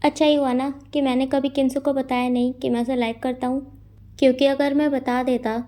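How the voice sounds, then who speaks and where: Woman reading as a gentle lovesick young man, confiding, high and mellow, storybook read-aloud. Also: flat delivery, brisk, close to an everyday voice.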